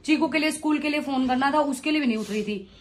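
A woman's voice: high-pitched, fast talker. A woman scolding and complaining at home, repeating herself in a heated family argument. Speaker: vlog family member.

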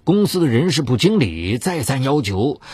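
A man's voice: sing-song, normal speed, a little mellow, slightly rough, no echo. A man narrating a dramatized true-crime story in a theatrical, suspenseful way. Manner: theatrical, swings of pitch for suspense.

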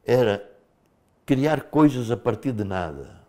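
An older man from Mozambique, once a liberation fighter, tells his story to a TV interviewer. He speaks animatedly, at a middle pitch, often tossing in casual fillers. It sounds like a lapel mic in a studio. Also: animated, slow pace, darkish tone. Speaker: former liberation fighter, guest.

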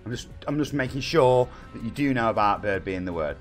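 Over soft background music, this Nottingham-accented Englishman in his forties reads viewers' comments aloud with cheeky humor during a casual live stream. He speaks fairly quickly in an animated, medium-pitched voice.

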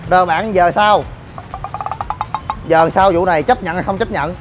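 A man's voice: sits high, normal speed, over music. A man ranting to viewers while inspecting shoddy building work, scolding and exasperated. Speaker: gym owner and vlogger. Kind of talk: ranting vlog walk-through.

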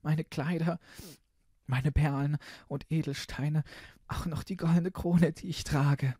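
A man voicing a young princess in a fairy-tale reading, pitching his voice up and speaking in a hurried, breathless way. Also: fairly even intonation, dark tone, husky, no room sound, clean studio sound. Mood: eager. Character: frightened spoiled young princess. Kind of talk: storybook narration.

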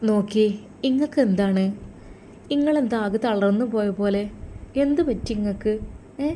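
A fretful, devout mother in a storybook, imploring and rising in pitch as she frets, played by a woman narrator. She speaks in a mellow, warm voice. A faint hiss lies behind her. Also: moderate pace, natural voice. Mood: anxious.

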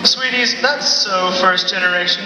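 A man's voice: high-pitched, moderate pace, natural voice. A man on a convention stage playing a flamboyant, groovy disco-styled character, recorded from far off in an echoey hall. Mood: sassy. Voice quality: sassy and flamboyant. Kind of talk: amateur cosplay stage skit. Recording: echoey hall, far from the mic, loud music.

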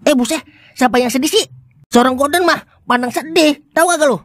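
Woman playing a lonely man, high voice, whiny, stammering, cartoon drama. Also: fairly quick, no echo, studio quality, natural voice. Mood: irritated. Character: lonely, sulking grown man left by his best friend. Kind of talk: animated drama voice acting.

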